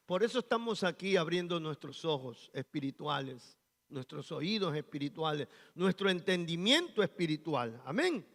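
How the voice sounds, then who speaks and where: A man preaching a sermon as pastor, rising loud on key phrases. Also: on the high side, very animated, moderate pace, in a large hall. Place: church sanctuary.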